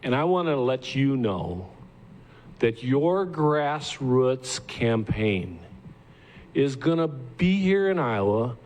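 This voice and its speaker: A man speaking at a campaign event, rallying supporters in a slow, deliberate way. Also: mid-range voice, very animated, a little mellow. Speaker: campaign supporter introducing the candidate. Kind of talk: rally pep talk. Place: event room with audience. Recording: faint ambient noise.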